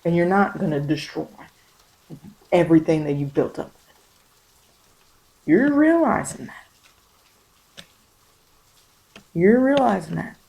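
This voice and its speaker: Speaking slowly with frequent pauses, this woman has a fairly low, creaky, darkish voice with lively intonation, captured in a low-quality recording. She's a tarot reader giving spiritual guidance in an informal, ASMR-style monologue, addressing the listener directly and repeating phrases for emphasis in casual vernacular.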